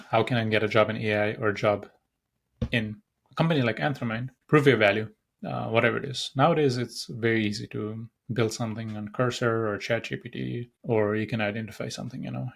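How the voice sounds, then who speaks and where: A man's voice: medium pitch, creaky. A young man from Nepal hosting a solo podcast, talking casually and rambling with many fillers and restarts. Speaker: podcast host.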